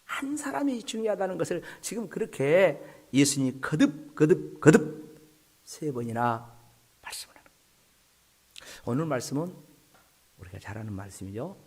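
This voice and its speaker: A man's voice: fairly high pitch, big pitch swings, moderate pace, pauses often, husky. A male pastor preaching a sermon, telling the story dramatically and dropping at times to whispers.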